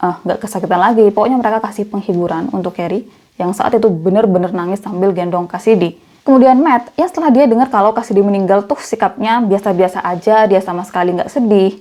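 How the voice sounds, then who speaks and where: A woman's voice: mid-range voice, fast talker, dark tone. A young woman narrating a true crime case in a chatty, conversational way, as the channel's storyteller.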